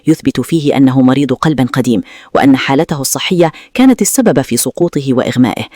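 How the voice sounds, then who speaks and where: A male narrator retells a drama series in formal, dramatic storytelling. He rattles along at a rapid pace in a medium pitch, and the recording is dry and close with no room echo. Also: darkish tone. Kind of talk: scripted drama recap narration.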